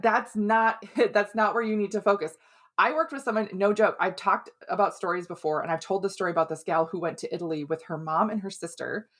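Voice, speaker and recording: A middle-aged woman from Minnesota giving casual health advice, chatty and quick with asides, often tagging on "right?". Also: on the low side. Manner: chatty, keeps asking "right?". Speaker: health and hormone coach. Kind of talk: casual advice talk to camera.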